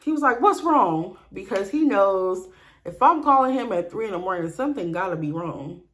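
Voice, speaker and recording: A woman's voice: mid-range voice, lively intonation, brisk, fairly bright tone. A woman vlogger telling a story in casual, slangy talk with cursing, acting out the lines of the people in it. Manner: slangy, profane, acts out dialogue.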